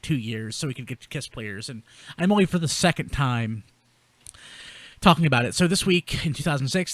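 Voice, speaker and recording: This man hosts a casual chat podcast about toy collecting news, rambling and correcting himself as he goes. His pitch is fairly high, and there's no echo.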